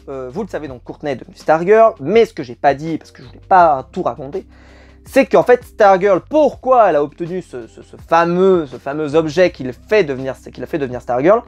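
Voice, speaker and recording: A man's voice: on the high side, a little mellow. A young man reviewing a TV series in casual talk, rambling with many fillers and repeated words. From France.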